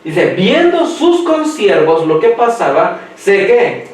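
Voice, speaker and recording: A man preaching a sermon who quizzes the congregation and lets them finish his sentences, slowing down to read scripture aloud. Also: sits high, sing-song. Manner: slows down when reading scripture aloud. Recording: echoey hall, mic far off.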